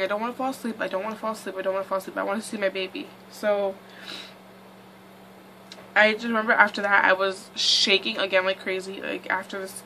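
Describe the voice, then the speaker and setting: A woman's voice: mid-range voice, pushed and bright, a little hiss or hum, low-quality recording. A young woman vlogger telling a casual storytime in a chatty, rambling way full of "like" and "um".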